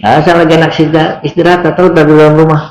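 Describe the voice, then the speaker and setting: A man as an interview guest, telling his story in an earnest, devout, soft and steady way. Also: a little high, racing. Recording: roomy echo.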